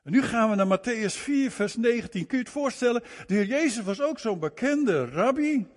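A man's voice: very high voice, lively intonation, moderate pace. A man preaching a sermon, emphatic, repeating words and phrases for stress. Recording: long reverb of a hall.

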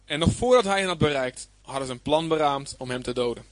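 A man teaching from the Bible, slightly higher pitched than most men, reading passages and then unpacking them with emphatic, searching delivery. The sound is dry and close, with little room around it. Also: quick pace, no echo. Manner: reads scripture aloud, then explains it plainly. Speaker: preacher.

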